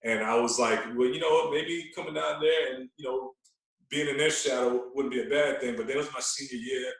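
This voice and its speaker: He's a medium-pitched American man in his forties from Florida, with a steady, brisk, creaky delivery. A radio personality by trade, he's telling stories casually as a podcast guest and repeating words for emphasis, in a very echoey, roomy recording.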